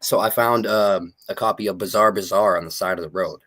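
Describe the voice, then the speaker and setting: A man in his thirties from Maine, USA, appears as a guest in a casual interview, rambling in a laid-back manner and swearing freely. His voice is low, fairly quick, and a bit bright.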